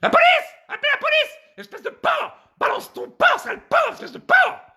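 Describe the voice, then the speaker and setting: A man voicing a shrill, outraged young woman who shrieks in a screeching falsetto. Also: animated, normal speed, bright, forceful tone, heavily acted.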